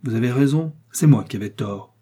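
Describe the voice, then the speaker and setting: A man's voice: medium pitch, brisk, mellow, slightly rough. A man voicing an impassive young officer who answers stiffly and coldly, in an audiobook reading. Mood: disgusted. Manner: cold, stiff, disgusted.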